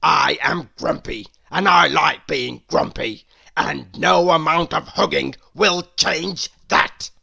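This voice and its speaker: A woman voicing a bad-tempered, stubborn grumpy man in a children's storybook, gruff and emphatic. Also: sits low, slow pace, sharp tone, heavily acted. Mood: angry, stubborn. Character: grumpy bad-tempered man who shouts and refuses hugs.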